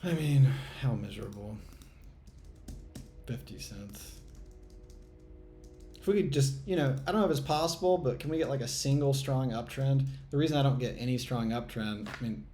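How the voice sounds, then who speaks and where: Host type, a man thinking aloud over a trading game, muttering and sighing with frustration, mid-pitched. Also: moderate pace, pauses often, warm tone, faint music behind. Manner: muttering exasperated self-talk, swearing, sighs. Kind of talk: live commentary while playing a trading game.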